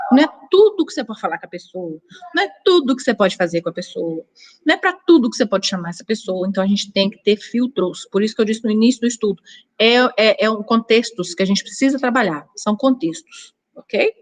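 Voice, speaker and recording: A woman's voice: on the high side, expressive, fast talker. A woman teaching a church Bible study class in a conversational way, often acting out little exchanges between people. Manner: conversational, acts out little dialogues. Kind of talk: Sunday school teaching.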